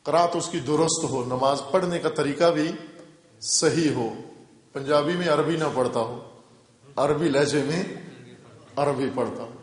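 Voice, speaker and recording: A man's voice: fairly high pitch, long pauses. A male Islamic scholar giving a religious lecture with a Pakistani Urdu accent, explaining step by step and repeating key terms for emphasis. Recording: echoey hall reverb.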